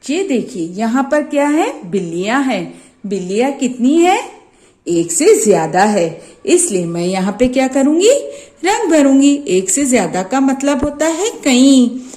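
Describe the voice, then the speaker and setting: Slow, sing-song woman teacher. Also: high voice, sing-song, mellow. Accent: Urdu-medium Maharashtra. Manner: slow, sing-song questions answered by herself. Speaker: primary school teacher. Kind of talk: teaching a first-grade maths lesson.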